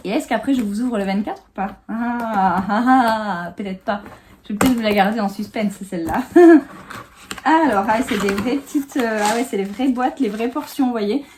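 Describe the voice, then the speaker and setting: Giggly woman in her 30s, a bit high-pitched, chatty unboxing vlog from the sofa in her home office, lots of euh. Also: fairly quick, noisy background. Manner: chatty, giggly, many fillers. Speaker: vlogger. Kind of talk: casual unboxing chat.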